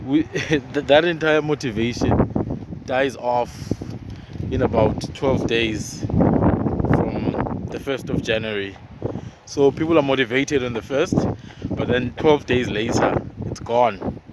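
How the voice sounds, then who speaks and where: A man giving a casual motivational monologue, earnest and rambling, repeating words as he goes. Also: mid-range voice. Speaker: motivational vlogger. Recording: loud wind and boat noise outdoors.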